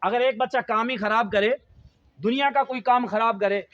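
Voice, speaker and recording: Man teaching kids, very high voice, call-and-response, dull lo-fi sound. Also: fairly even intonation, fairly bright tone. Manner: call-and-response, prompting children to finish sentences. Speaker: Quran teacher. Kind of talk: children's Quran lesson.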